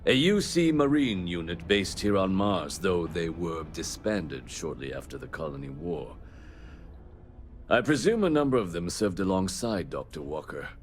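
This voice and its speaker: An actor playing a cold, smug trade company manager in a video game, delivering measured villain-like monologue in formal tones. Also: male voice, low voice, animated. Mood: cold, dismissive.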